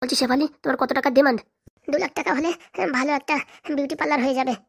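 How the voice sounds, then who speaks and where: A woman plays a jilted cartoon wife with a high voice who argues at a racing pace. She is insistent and complaining, never letting up. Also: steady tone, racing, vocal fry. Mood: aggrieved. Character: jilted young wife, bold and demanding.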